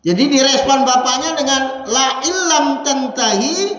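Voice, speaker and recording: A man preaching a mosque sermon with a lively delivery, acting out quotes and chanting Arabic verses. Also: extremely high pitch, measured pace. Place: large mosque hall. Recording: very echoey hall, faint hum.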